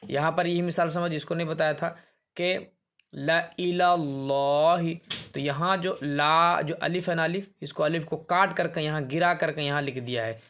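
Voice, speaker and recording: Man teaching a reading lesson, slightly high. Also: a bit bright. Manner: explanatory, repeats words slowly to demonstrate, asks and answers himself. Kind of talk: explaining a lesson on a primer chart.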